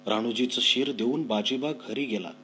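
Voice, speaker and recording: A man's voice: medium pitch, normal speed, bright, forceful tone, a little hiss or hum. A man reading and retelling a novel, repeating lines and explaining them as he goes. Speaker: storyteller.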